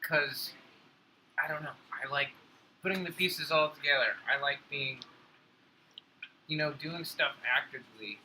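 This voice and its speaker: A man co-hosts a relaxed kitchen chat, thinking out loud in a measured way. His voice is very bright and clear, with a light hiss of noise behind it. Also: on the high side, rough recording. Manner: measured, reflective, joking. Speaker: cooking show co-host. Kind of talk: casual chat. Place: home kitchen.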